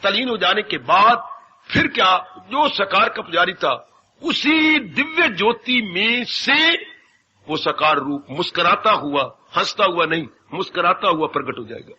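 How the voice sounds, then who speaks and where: A man's voice: sits high, expressive, normal speed, sharp tone. A man giving a devotional sermon as a spiritual teacher, telling stories and acting out voices. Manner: storytelling, often acting out voices. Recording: dull lo-fi 1990s tape with faint hiss.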